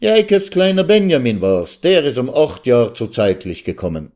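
A man voicing a lively old male party joker who shouts riddles with glee. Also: mid-range voice, moderate pace, pitched above the performer's own voice, lightly acted. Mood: gleeful.

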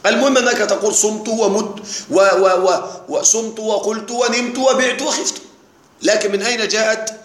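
High-voiced male teacher in an echoey room. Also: fairly even intonation, a bit bright. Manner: checks on students often, recites word pairs slowly. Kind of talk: classroom grammar lesson. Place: classroom with students.

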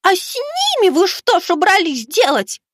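Guy doing a squeaky lisping little girl, yelling mad, all over the place. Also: huge pitch swings, a little slow, dry recording, clean studio sound, heavily acted. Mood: angry. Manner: shrill, shouting insults. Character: lisping hot-tempered schoolgirl, young, easily flustered.

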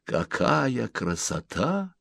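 A hushed, gentle alien visitor murmurs his farewells, voiced by a man reading aloud. The voice sits low and moves slowly, with a lively rise and fall even in the whisper. The recording is dry and close. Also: no echo, exaggerated voice. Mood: whispered, kindly. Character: small gentle male alien messenger.

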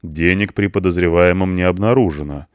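A man voicing a calm, wry police officer who slowly dictates a report in formal wording. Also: sits low, clean tone, no room sound, studio quality, natural voice. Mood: dictating.

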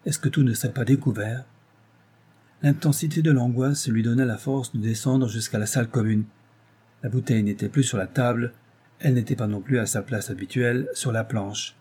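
A man reads a novel aloud with a measured, dramatic delivery. His voice is mellow and dark, with a husky edge. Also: medium pitch, fairly even intonation. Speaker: audiobook narrator. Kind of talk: scripted narration of a novel.

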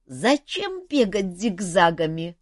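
Woman doing a hoarse, halting phantom. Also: on the low side, very animated, no echo, studio quality, pitched above the performer's own voice, exaggerated voice. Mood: cheerful. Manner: halting, broken grammar. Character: hoarse, limping, cheerful male phantom servant.

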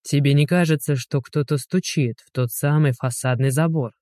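A reader voicing a young man who talks slowly with dry, sardonic remarks, in an audiobook. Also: medium pitch, a little mellow, no echo, natural voice. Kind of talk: audiobook dialogue.

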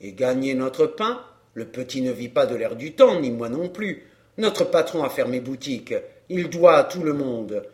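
A man doing a middle-aged fairground clown down on his luck, grumbling in rough street slang. He sounds bitter and close to tears, in a plain mid-range voice, as in a read-aloud novel. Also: mid-range voice, expressive, normal speed, darkish tone, lightly acted. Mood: lamenting. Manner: coarse popular slang, grumbling. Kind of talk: audiobook character reading.

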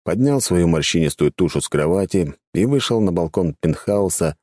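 A man calmly narrating a fantasy audiobook. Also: low voice, moderate pace, no echo, studio quality. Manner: calm, even storytelling.

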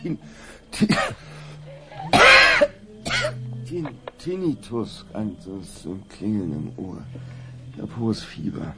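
An actor playing a lovesick middle-aged professor in a radio drama, hesitant, pleading and given to theatrical declaiming. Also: male voice, on the low side, big pitch swings, a little slow, heavy background noise. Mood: feverish, bewildered. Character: lovesick, feverish older professor, pleading and florid.

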